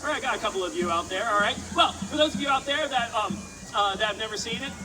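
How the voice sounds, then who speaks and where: A woman's voice: fairly high pitch, fast. A woman performing a live sword swallowing show, projecting cheeky, joking patter and bantering with the audience at an outdoor festival. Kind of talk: live comedic stage patter to a crowd. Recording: distant, noisy outdoor festival crowd recording.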